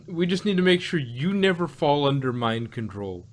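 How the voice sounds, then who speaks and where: A male podcast co-host with a sing-song voice on the high side talks at a moderate pace while reviewing an audio drama. It's a casual review chat where he rambles, laughs often, and restarts and hedges mid-thought.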